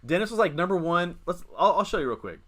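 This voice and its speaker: A man in his twenties hosts a casual livestream, rambling as he reads the chat and responds. His voice is high, fast, expressive and a bit bright.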